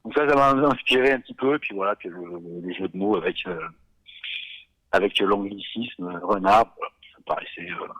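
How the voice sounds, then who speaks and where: Relaxed Savoyard man in his forties. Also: on the low side, fairly quick, lo-fi sound. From Savoie, France. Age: 40s. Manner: relaxed, hesitant with many fillers, chuckles. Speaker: guest, beer company founder. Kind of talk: casual podcast interview.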